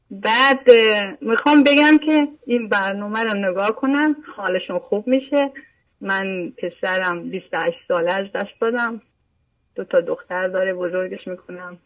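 A woman's voice: medium pitch, lo-fi sound. Older woman, phone-in caller, earnest, repetitive storytelling. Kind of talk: phone-in chat.

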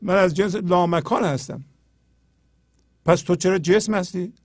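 A man hosting a spiritual talk, explaining poetry earnestly and often dropping to a low, quiet tone. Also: no echo, clean studio sound.

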